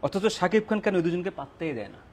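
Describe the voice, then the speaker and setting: A talk show host asking quick, probing follow-up questions in a casual interview. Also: mid-range voice, big pitch swings, slight background noise.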